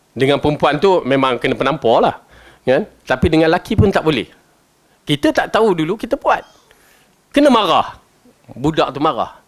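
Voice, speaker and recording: A man with a Malaysian Malay accent teaching a Quran commentary lesson, chatty and animated, often asking his listeners questions. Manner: animated, jumps between loud stresses and low asides. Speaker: religious teacher.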